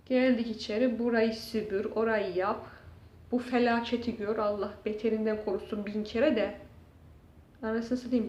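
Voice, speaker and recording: A woman's voice: on the high side, dark tone. A woman YouTuber venting in a casual vlog, exasperated and swearing as she shows damage to her room. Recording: dull, echoey room sound.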